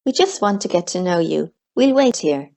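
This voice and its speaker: A woman voicing a kind young girl in a children's storybook, speaking softly and coaxingly. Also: fairly low pitch, animated, normal speed, vocal fry. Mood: gentle. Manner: soft, coaxing.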